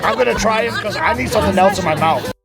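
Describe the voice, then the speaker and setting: A man chatting casually on a vlog, reacting to food in a joking, animated way, outdoors. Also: high-pitched, fast, a loud crowd.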